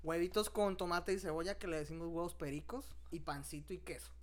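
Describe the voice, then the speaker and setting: A man's voice: a little high, brisk. Man, casual swearing chat. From Colombia. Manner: animated storyteller, swears freely.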